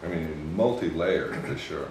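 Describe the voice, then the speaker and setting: A man with a low voice chats through a wine tasting as co-host. He is recorded at some distance from the microphone in an echoey room, with faint noise underneath. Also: measured pace, a little mellow. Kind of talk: wine review, conversational interviewing. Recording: roomy echo, distant mic, faint noise.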